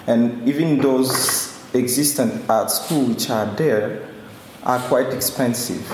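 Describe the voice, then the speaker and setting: A man's voice: mid-range voice, a little mellow. Man from Congo, curator, earnest, restarts phrases, very echoey room, faint background noise. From Democratic Republic of Congo. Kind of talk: introductory talk at a public event.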